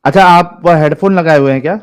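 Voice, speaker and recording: A man's voice: fairly high pitch, smooth. A man from India hosting a live online debate, bossy and mocking as he questions callers. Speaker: debate host.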